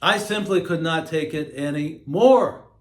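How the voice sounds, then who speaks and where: A man hosting his own show, talking in a slow, emphatic, preachy monologue. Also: on the high side, echoey room. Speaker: host. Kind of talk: monologue to camera.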